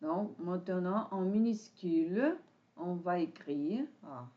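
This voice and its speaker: Patient French teacher with Portuguese accent. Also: female voice, lowish voice, animated. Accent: Brazilian Portuguese. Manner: slow, patient, with many pauses and fillers; switches to Portuguese to explain. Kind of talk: online French lesson. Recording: dull lo-fi sound.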